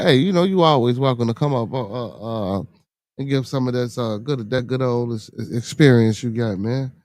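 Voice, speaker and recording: This middle-aged Chicago-accented man reads out the chat while hosting a podcast livestream. He swears freely, keeps things loose, laughs often and says things twice for effect, his medium-pitched voice dark in tone with no room sound.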